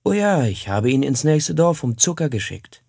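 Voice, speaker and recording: A man voicing a calm, welcoming village mother, in an audiobook reading. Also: mid-range voice, moderate pace, gravelly, husky, no room sound, studio quality, pitched above the performer's own voice, exaggerated voice. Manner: warm, hospitable. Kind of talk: audiobook character voice.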